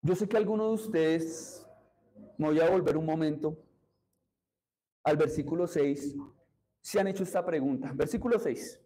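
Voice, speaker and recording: A man's voice: on the high side, normal speed, long pauses, warm tone, rough recording. A man, preaching a sermon as pastor and putting questions to the congregation.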